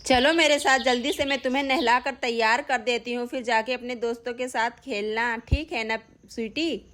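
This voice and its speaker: A woman voicing a helpful, cheerful young village woman in a doll story, chatty and bright. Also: on the high side, fairly even intonation, normal speed, natural voice.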